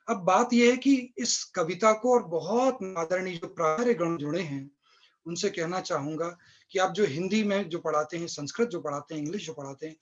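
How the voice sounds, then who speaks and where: An Indian man gives a live online English lesson in a voice set fairly high for a man. He moves between Hindi and English and slows down on the words he explains. The sound is dull and lo-fi, the way a web call sounds. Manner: mixes Hindi and English, explains slowly, recites poetry with feeling. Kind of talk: live online class lecture.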